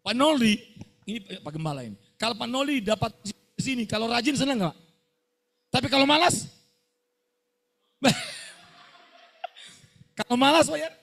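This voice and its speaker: A man's voice: extremely high pitch, lively intonation, moderate pace, gravelly, pauses often, fairly bright tone. A middle-aged male pastor, preaching a scolding sermon to students and firing call-and-response questions at them.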